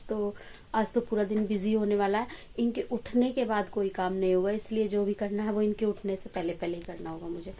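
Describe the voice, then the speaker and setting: Chatty woman with a flat, even voice. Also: mid-range voice, brisk. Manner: chatty, rambling storyteller; speaks softly while family sleeps. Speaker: vlogger. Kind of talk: casual home vlog.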